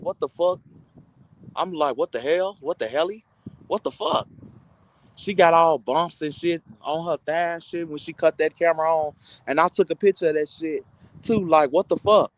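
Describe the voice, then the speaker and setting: A man's voice: a little high, a little hiss or hum, low-quality recording. A content creator, a man, delivering a heated, insulting, mocking rant to his online audience.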